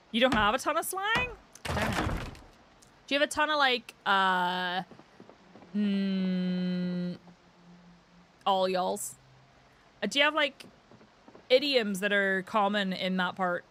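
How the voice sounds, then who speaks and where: A woman with an Irish accent chatting casually on a live game stream, rambling with lots of filler words. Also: medium pitch. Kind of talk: casual live-stream chat while gaming. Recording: clear background noise with clicks.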